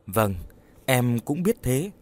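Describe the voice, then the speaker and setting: A man's voice: medium pitch, big pitch swings, slow pace, darkish tone. A man voicing the tearful ghost of a young wife in a storybook horror tale. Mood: grieving. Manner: tearful, pleading. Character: grieving young wife's ghost, tender.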